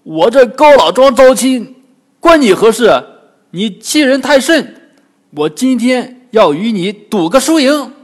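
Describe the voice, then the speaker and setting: A man voicing a brash, gruff male pig demon who shouts his threats in a storybook tale. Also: very high voice, very animated, a little slow, voice pushed up, exaggerated voice. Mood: angry. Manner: shouting, blustery.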